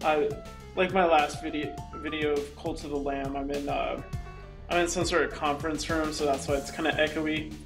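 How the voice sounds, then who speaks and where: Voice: medium pitch, fairly even intonation, normal speed, creaky. A game reviewer talking casually and rambling, with many restarts, recorded in an echoey conference room with game music behind. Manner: rambling, full of restarts and fillers. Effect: echoing room sound.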